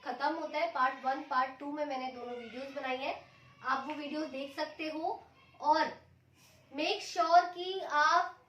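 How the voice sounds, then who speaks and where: A woman teaching a language lesson, explaining each rule step by step and patiently repeating the examples slowly. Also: high-pitched, fairly bright tone, slight background noise. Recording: echoey room, mic at a distance.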